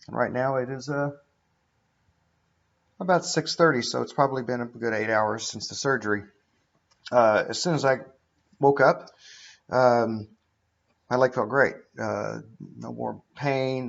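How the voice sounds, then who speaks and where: A middle-aged man giving a casual, explanatory account as a patient, speaking in a halting, matter-of-fact way into a webcam indoors. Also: mid-range voice, creaky. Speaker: patient recounting his own surgery. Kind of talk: casual explanatory vlog monologue. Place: indoors, living room with high ceiling. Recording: dull lo-fi webcam audio.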